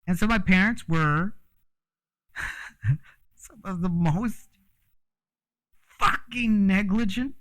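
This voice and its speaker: Slow-talking man, lively pitch. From Mexico. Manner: rambling, frank, with frequent fillers and swearing. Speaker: host. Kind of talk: casual solo monologue.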